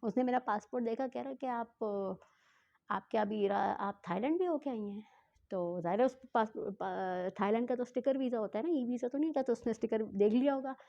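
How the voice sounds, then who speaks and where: A woman telling a travel story in a casual vlog, chatty and often correcting herself, mixing in English phrases and speaking slowly on purpose. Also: fairly high pitch, gravelly, warm tone, lo-fi sound. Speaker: travel vlogger.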